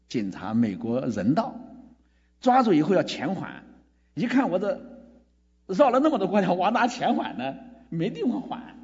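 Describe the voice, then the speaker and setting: A man's voice: on the high side, a little mellow, slightly rough. Man preaching a sermon in an echoey hall. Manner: storytelling with quoted dialogue, rising to emphatic exhortation. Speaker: pastor. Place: church hall. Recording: dull lo-fi recording in a reverberant hall.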